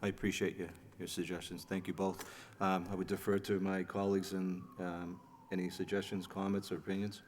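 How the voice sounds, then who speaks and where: A man chairing a city license commission hearing, formal and procedural, with halting fillers and restarts, in a courtroom-style recording from a public chamber. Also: low voice, level tone, darkish tone. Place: city hall meeting chamber. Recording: reverberant chamber with faint background noise.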